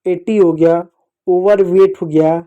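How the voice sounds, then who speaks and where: A man teaching children a recorded phonics lesson, speaking patiently, addressing the kids directly and slowly spelling out letters and example words. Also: sits high, fairly even intonation, phone-quality sound.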